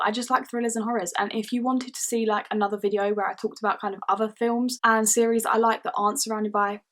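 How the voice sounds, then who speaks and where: A young woman chatting casually to camera as a vlogger, full of fillers like "kind of" and "like". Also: medium pitch.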